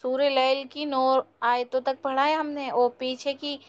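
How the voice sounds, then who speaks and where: A woman teaching tajweed over a video call, patient as she corrects each student step by step. Her voice sits fairly high and sounds smooth and clear. The call audio comes through muffled and lo-fi. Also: level tone, a little slow. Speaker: Quran recitation teacher. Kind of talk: online tajweed class.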